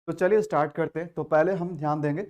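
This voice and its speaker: A man's voice: fairly high pitch, fairly even intonation, fast, darkish tone, lo-fi sound. A man with an Indian accent teaching English vocabulary in an exam-prep lesson, explaining step by step and answering his own questions.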